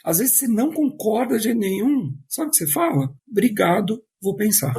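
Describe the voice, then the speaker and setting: A middle-aged Brazilian man speaking as a podcast guest, explaining in a casual, animated way. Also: very high voice, fast, breathy edge. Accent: Brazilian Portuguese. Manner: animated storyteller who acts out quoted speech.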